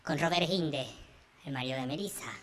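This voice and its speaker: A woman's voice: low voice, moderate pace, a bit bright, a little hiss or hum. A woman telling a comic story, dramatic and full of exclamations. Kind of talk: comic monologue.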